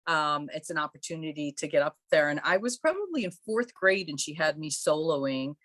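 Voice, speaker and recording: Low-voiced and animated, this woman talks fairly quickly with no room sound around her. She's a Croatian-born musician guesting on a podcast, trading chatty, friendly stories and laughs in a relaxed interview.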